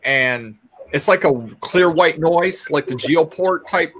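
A man's voice: on the high side, takes it slowly, a bit bright, a little hiss or hum. A man on a video call telling rambling stories about his paranormal investigations, with frequent restarts. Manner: rambling, restarts, retells eerie encounters. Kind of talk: casual storytelling on a video call.

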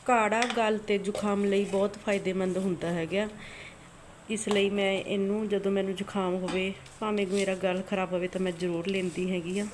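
A woman hosts a home cooking vlog from her kitchen, talking through each step in a homely, repetitive way. Her throat is a little sore, her pitch sits mid-range, and a faint hiss runs under the recording. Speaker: cooking channel host.

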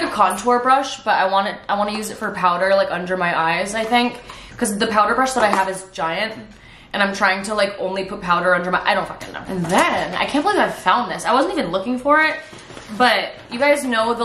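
A young woman talks into her phone at home in a casual vlog, rambling and animated, dropping swear words and "like" everywhere. Her voice sits at an ordinary middle pitch. The room around her is echoey. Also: a little hiss or hum. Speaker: vlogger.

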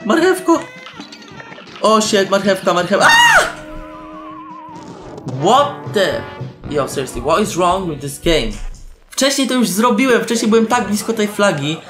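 A young man giving excitable let's-play commentary, shouting, laughing and tossing in English slang. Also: high voice, normal speed. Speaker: gameplay commentator. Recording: roomy echo with faint game music.

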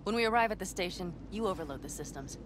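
A woman's voice: medium pitch, lively intonation, fast talker, lightly acted. A woman playing a tough, practical young outlaw driver in a video game, blunt, dry and confident. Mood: matter-of-fact. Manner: blunt, matter-of-fact, dry. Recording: clear vehicle noise behind voice.

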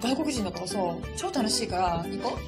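A woman hosting a casual talk show, bubbly and quick to laugh, with loud exclamations. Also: mid-range voice, lively intonation. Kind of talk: casual chat. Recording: music playing loudly behind.

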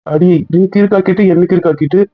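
Young husband in a home couple skit. Rapid, teasing scolding, slightly high voice, dry lo-fi sound. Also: male voice, fairly even intonation, no room sound. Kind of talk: casual couple banter. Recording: dull, dry lo-fi audio.

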